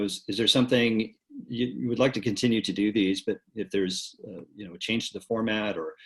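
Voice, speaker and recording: A man with a fairly low voice moderates a live online question session. He reads audience questions aloud and talks in a relaxed way with some fillers. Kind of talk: hosting a live Q&A. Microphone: video call.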